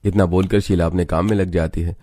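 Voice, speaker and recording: Deep-voiced male story narrator. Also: fairly even intonation, a little fast, mellow, dry recording.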